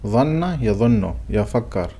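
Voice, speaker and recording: An Arabic teacher with a fairly low, expressive and mellow voice gives a vocabulary lesson, explaining words one at a time. He uses frequent hesitant fillers and asks and answers his own questions.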